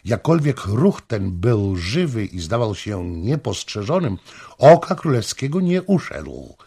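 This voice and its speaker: A man reading a historical novel aloud with slow, dramatic delivery. His lowish voice is gravelly and husky, and it swings widely in pitch. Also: sing-song, mellow. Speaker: audiobook narrator. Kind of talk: scripted narration of a historical novel.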